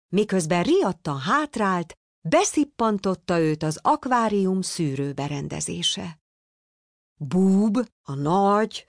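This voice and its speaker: A woman reading a children's storybook aloud with expressive, animated delivery. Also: low-pitched, creaky, no room sound, clean studio sound. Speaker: narrator.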